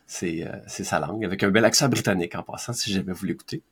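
A man's voice: low voice, fast talker, slightly rough. A man with a Québécois accent, co-hosting a podcast in thoughtful, hesitant casual chat. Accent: Québécois French. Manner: thoughtful, hesitant, with soft laughs. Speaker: podcast co-host.

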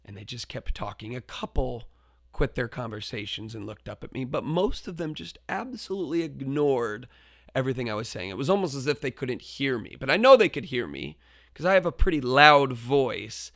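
An expressive, medium-pitched man talking at normal speed tells a classroom story as a teacher and podcast host, earnest and reflective, often starting phrases over. He works up to loud, forceful quoted shouts; the clean studio sound carries no echo.

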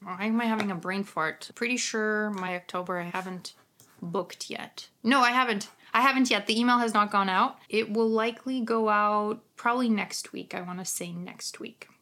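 A woman's voice: mid-range voice, normal speed, sharp tone. A woman with a Ukrainian accent chatting informally as a skincare specialist on a live Q&A, blunt and happy to swear. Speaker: skincare specialist answering live stream questions. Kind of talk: casual live Q&A chat.

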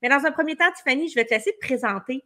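A woman with a Quebec French accent and a slightly high voice, hosting a conversational podcast. She talks informally, steering with questions and putting ideas in simple words. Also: rapid-fire, pushed and bright. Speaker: podcast host, business management coach.

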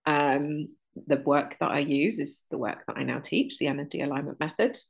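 A woman in her 30s, a guest on an interview who teaches energy alignment, speaks in a low, creaky, slightly rough voice. Her talk is reflective, earnest and unhurried, and she tends to list things in runs.

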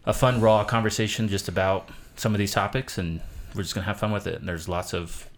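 A man's voice: on the low side, steady tone, a little fast. A man hosting a podcast, introducing his guest in a loose, rambling way with many ums. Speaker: podcast host. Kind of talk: casual chat. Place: cabin.

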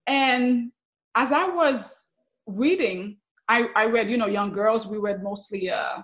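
A woman from Haiti, a success coach, telling her life story as a guest in an interview, laughing often and pausing with fillers. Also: on the high side, highs cut off. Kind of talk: interview conversation.

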